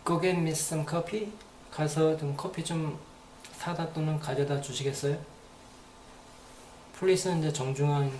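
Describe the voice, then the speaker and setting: Guy teaching, rambly, says stuff over and over, kinda high voice, echoey room w/ faint hiss. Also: a little mellow. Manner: rambling, repeats phrases aloud to demonstrate. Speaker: English teacher. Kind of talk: casual spoken lesson.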